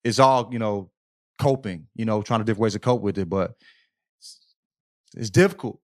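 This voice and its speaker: Fairly low and darkish in tone, this man's voice moves at normal speed as he co-hosts a relaxed podcast conversation. He uses plenty of slang, swears without restraint, and keeps checking in with his listener.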